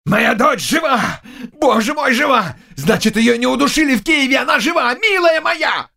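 A hoarse old nobleman barks and bellows in a gruff voice, voiced by a male audiobook reader. His delivery swings widely in pitch. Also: animated, a little slow, a bit bright, heavily acted. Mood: overjoyed.

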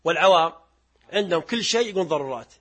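A middle-aged man giving a religious lesson, explaining verses, reciting them slowly and quizzing his listeners. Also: sits high, expressive, a bit bright, husky. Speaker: sheikh teaching Quran commentary.

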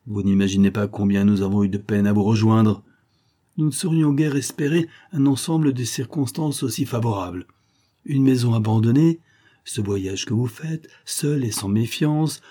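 A man's voice: mid-range voice, mellow, natural voice. A man reading the part of a bitter, vengeful army major in an audiobook, speaking menacingly and harshly. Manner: menacing, grieving, then harsh and clipped.

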